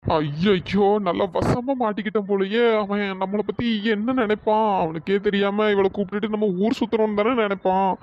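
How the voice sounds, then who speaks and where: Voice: mid-range voice, fairly even intonation, fairly quick, a little mellow, lo-fi sound, close to an everyday voice. A performer voicing an injured young man in a cartoon story, reassuring and teasing his girlfriend. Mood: playful. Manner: reassuring, playful.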